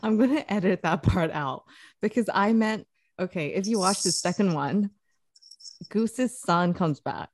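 A woman's voice: medium pitch, animated, a little slow, no room sound. A woman hosting a podcast in a teasing, casual way, often laughing. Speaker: podcast host.

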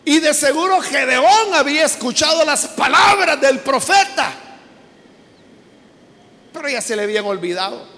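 High-voiced preacher shouting in an echoing hall. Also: male voice, lively intonation, normal speed, pauses often. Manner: emphatic, bursts into shouted words, rhetorical questions. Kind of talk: sermon. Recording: long reverb of a large hall.

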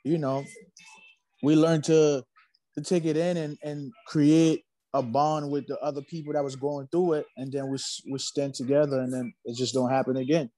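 Man from haiti, musician guest, relaxed slangy chat, dry close sound. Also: a little high, moderate pace, dry recording, rough recording. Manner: laid-back, slangy, repeats himself. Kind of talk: casual interview talk.

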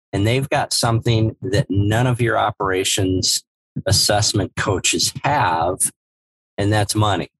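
Male podcast co-host, animated storyteller, low-ish voice, dry studio sound. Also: husky, no echo, rough recording. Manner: animated storyteller who acts out dialogue. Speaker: podcast co-host, former evaluator. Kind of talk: casual storytelling chat.

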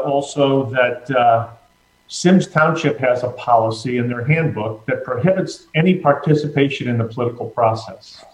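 Guy talking in front of an audience at a town board meeting, formal n deliberate, pushing back, echoey room. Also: medium pitch, a little mellow. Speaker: township trustee questioning a colleague at a public board meeting. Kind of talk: formal remarks at a public meeting.

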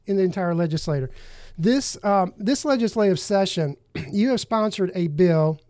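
A man's voice: high voice, animated, normal speed, a little mellow, no room sound, studio quality. Earnest man hosting a talk show. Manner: earnest, with frequent fillers and restarts. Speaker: host.

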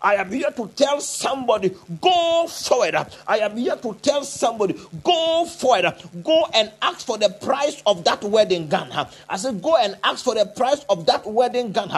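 Man, shouting faith healer, high-pitched, rough husky voice, repetitive prophetic commands, insistent sermon delivery. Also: expressive, normal speed, hardly any pauses. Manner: forceful shouted commands and declarations; repetitive, chant-like insistent phrasing. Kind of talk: charismatic prophetic sermon and prayer.

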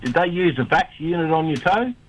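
A man's voice: a little high, lively intonation, fairly quick, fairly bright tone, rough recording. A man with a Queensland Australian accent, chatting casually as a caller to a radio show. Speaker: phone-in caller. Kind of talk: casual chat. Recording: phone-in call, faint background noise.

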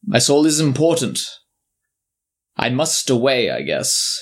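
Man playing a deadpan soul inside an orb. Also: medium pitch, takes it slowly, exaggerated voice. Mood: resigned. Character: deadpan undead soul trapped in a giant mouthless orb. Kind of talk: tabletop role-play acting.

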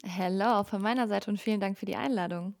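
A young woman in her twenties speaks as a podcast guest, explaining at length in a fluent, explanatory manner. She often fills pauses with ähm, and her pitch sits in the middle range. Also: gravelly, darkish tone. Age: 20s. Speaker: guest, founder. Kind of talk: podcast interview.

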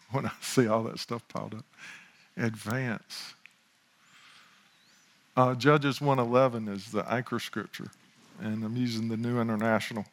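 A man leads a prayer and starts a sermon at an unhurried, drawn-out pace. His voice sits at an ordinary middle pitch, and he talks in a loose, homey way, full of asides and restarts. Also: a bit bright. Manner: slow, informal, chuckling asides and restarts. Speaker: preacher.

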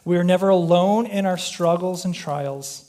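A man preaches in a relaxed, conversational way and breaks into joking personal asides. His speaking voice sits a little higher than most men's. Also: normal speed. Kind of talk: conversational sermon.

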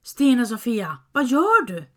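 A woman's voice: fairly high pitch, very animated, fairly bright tone, voice pushed up. A woman voicing an anxious, flustered peasant mother who talks in a fretful, pleading way.

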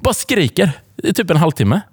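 A man with a Swedish accent co-hosting a podcast, telling a family story in a casual, animated way and acting out a child's screams. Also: a little high, slightly rough, dry recording, studio quality. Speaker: podcast co-host, father. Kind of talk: casual comedic chat.

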